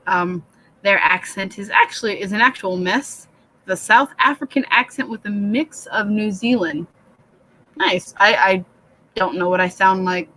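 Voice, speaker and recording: Soft-spoken woman hosting a writing livestream. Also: poor audio. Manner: rambling, self-deprecating, reads chat aloud; speaks low and soft, said to sound soothing. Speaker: livestream host of a writing session. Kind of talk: casual live-stream chat. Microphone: computer webcam mic.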